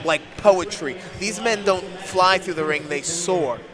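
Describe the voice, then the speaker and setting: A man's voice: high voice, measured pace, a crowd in the background. A man giving live wrestling commentary in an emphatic, explanatory way. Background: music.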